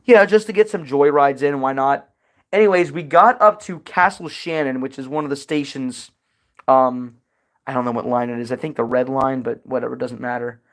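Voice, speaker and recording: A young man hosting a casual livestream Q&A, answering chat questions in a rambling, chatty way with lots of fillers and sudden excited bursts. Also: mid-range voice, normal speed.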